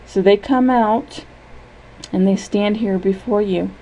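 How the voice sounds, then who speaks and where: Mellow-voiced woman guiding an imagery lesson. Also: medium pitch, poor audio. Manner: gentle, unhurried, checks in often with "okay?".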